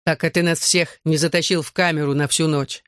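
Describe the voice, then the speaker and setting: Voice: mid-range voice, steady tone, fairly quick, a bit bright, clean tone, dry recording, clean studio sound, close to an everyday voice. Hughie, a reader voicing an easygoing joking young man. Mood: cheerful. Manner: light, joking. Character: cheerful easygoing young male friend.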